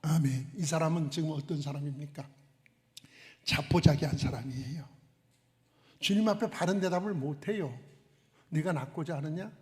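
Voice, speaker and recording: A pastor preaches in a high voice and keeps asking his listeners questions. He acts out the lines he quotes. His voice rings with the long reverb of a church hall. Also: moderate pace, pauses often, darkish tone. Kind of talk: sermon. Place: church sanctuary.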